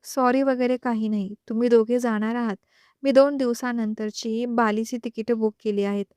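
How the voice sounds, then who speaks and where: A woman's voice: fairly high pitch, fairly even intonation, normal speed, darkish tone, clear, resonant tone, no echo, studio quality, natural voice. A woman voicing a commanding old grandfather, head of the family, in an audio story.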